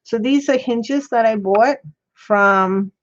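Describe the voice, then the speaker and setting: Speaking slowly in a fairly high voice, a woman hosts a craft livestream from an indoor worktable, making casual conversation and thinking aloud while she demonstrates. Her articulation is slightly mushy and toothless, and the sound is lo-fi.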